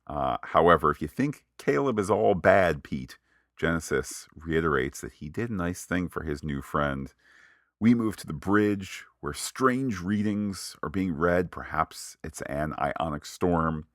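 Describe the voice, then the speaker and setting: A man's voice: low-pitched, animated, measured pace, a bit bright, no echo, clean studio sound. A man hosting a podcast, recapping an episode with playful, mock-sarcastic asides. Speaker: podcast host.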